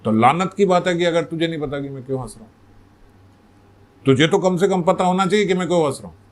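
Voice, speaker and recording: A man's voice: fairly high pitch, quick pace, natural voice. A man voicing a stern elderly male guru who sharply reproaches his disciple, in a spoken religious story. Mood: reproachful.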